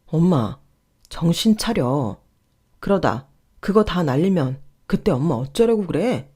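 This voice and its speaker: A woman's voice: low-pitched, sing-song, measured pace, dark tone, slightly rough, exaggerated voice. Woman playing a firm exasperated son. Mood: pleading. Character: frustrated adult son, firm and pleading.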